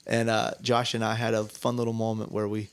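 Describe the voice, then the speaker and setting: A man's voice: fairly low pitch, completely flat delivery, fairly quick, clean tone. A man co-hosting a casual church podcast, telling stories in a rambling, self-correcting way. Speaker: co-host.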